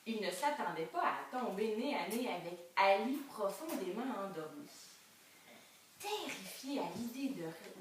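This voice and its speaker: A young woman with a Québécois French accent, reading a picture book to preschoolers and coaxing them with questions. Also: medium pitch. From Quebec. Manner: animated, coaxing, asks children questions. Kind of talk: interactive storybook reading to small children. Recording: echoey room from far off, noisy.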